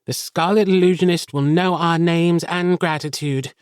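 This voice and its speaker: A man's voice: a little high, moderate pace, clean tone, no room sound, clean studio sound, voice pushed up, lightly acted. A man doing a bossy little girl. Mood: excited. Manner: commanding, excitable.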